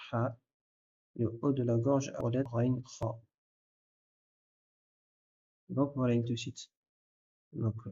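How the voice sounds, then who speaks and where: A man's voice: medium pitch, warm tone, breathy edge. A man teaching a recorded lesson, explaining step by step and addressing the listener directly, repeating sounds aloud to demonstrate them. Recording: dull lo-fi recording.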